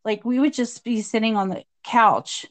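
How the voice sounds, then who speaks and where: A middle-aged woman with a fairly high voice talks through past events in a relaxed interview. She tells it in a lively way and acts out the voices of people in her story. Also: moderate pace. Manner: animated storyteller, acts out quotes. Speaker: guest describing past abuse. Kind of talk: conversational interview.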